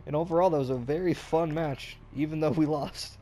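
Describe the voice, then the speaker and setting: A man's voice: on the high side, steady tone, fairly quick, warm tone. A young man with a congested cold, chatting crudely and laughing often during casual gameplay commentary. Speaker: gamer and channel host.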